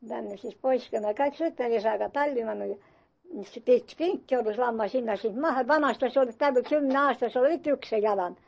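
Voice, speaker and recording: An older woman reminiscing in dialect, halting and rambling with many restarts, and putting on voices for the people in her story. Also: a little high, creaky, a little mellow, highs cut off. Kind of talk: oral-history reminiscence in dialect.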